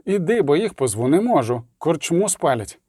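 A man's voice: a little high, big pitch swings, normal speed, warm tone, no room sound. A frightened middle-aged innkeeper pleads in a shaky, raised voice, as a male narrator puts him on. The reading is close and dry. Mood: frightened pleading.

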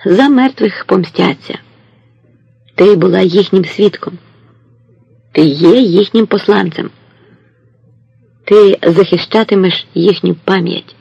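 A man voicing a wise old goatherd who speaks in a calm, measured way, in a storybook reading. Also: high-pitched, vocal fry, slightly rough, dry recording, dull audio, exaggerated voice. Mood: solemn.

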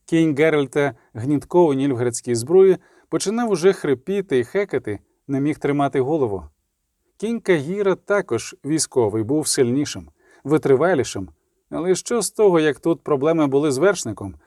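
A man reading an audiobook in a steady, measured way, adding short explanatory notes. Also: fairly high pitch, dry recording, studio quality. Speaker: audiobook reader. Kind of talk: audiobook narration.

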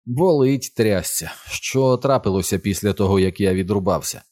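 A man's voice: lowish voice, normal speed, darkish tone, no echo, studio quality, lightly acted. A man doing a groggy wisecracking young man. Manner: mumbling, coarse joking.

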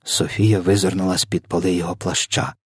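A man's voice: deep voice, level tone, fairly quick, breathy edge, no room sound, studio quality. A man narrating a children's storybook in a vivid, dramatic reading.

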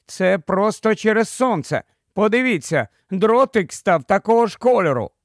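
A man reading the part of a gentle, perceptive young girl in a storybook, speaking softly. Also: sits high, animated, moderate pace, no room sound, clean studio sound, voice pushed up. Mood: wondering.

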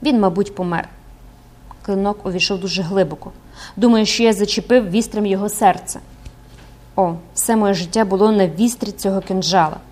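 A woman's voice: mid-range voice, brisk, a little mellow, lightly acted. A woman reading a tormented, obsessed priest. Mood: brooding. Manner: pleading, passionate. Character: obsessed middle-aged male priest, desperate and tormented. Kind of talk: audiobook character reading.

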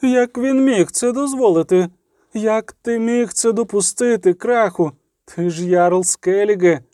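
A man's voice: sits high, lively intonation, moderate pace, warm tone, dry recording, pitched above the performer's own voice. A haughty old queen barks orders in a raised, ringing voice, as a man reads her part. She is cold and commanding, a grandmother used to ruling. This is storybook reading with a dry, close sound. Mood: furious.

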